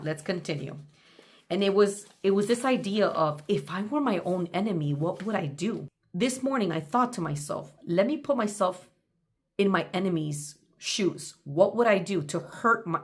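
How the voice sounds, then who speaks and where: In a mid-range voice, a woman delivers a faith-based motivational talk. She speaks to the listener directly, slowly and with emphasis, as though coaching them through entries from her own journal.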